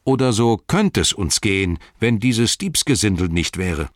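A man's voice: lowish voice, expressive, a little slow, dry recording, clean studio sound, voice pushed up. A man voicing a polite, wary middle-aged hobbit farmwife in a raised voice.

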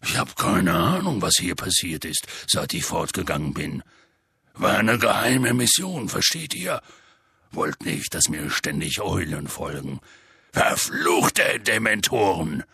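A man voicing a huge, gruff male half-giant gamekeeper in an audiobook, with a deep, rasping voice and rough, folksy speech. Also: very animated, unhurried, sharp tone, no room sound, clean studio sound, heavily acted. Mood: alarmed. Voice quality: deep gravelly rasp. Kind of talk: audiobook character voice.

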